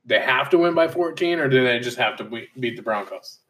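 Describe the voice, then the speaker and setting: Male co-host, profane and jokey, lively voice, distant mic with light noise. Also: mid-range voice, fairly quick. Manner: crude joking, laughs often, fires off trash talk. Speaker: podcast co-host. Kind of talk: casual profane sports chat.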